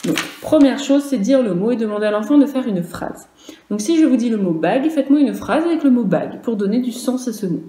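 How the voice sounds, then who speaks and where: A woman's voice: a little high, expressive, a little fast, warm tone. Echoey patient teacher woman, spelling sounds. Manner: clear, patient, stresses each sound and letter; speaks to children and parents in turn. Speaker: first-grade teacher. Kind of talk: recorded virtual class lesson.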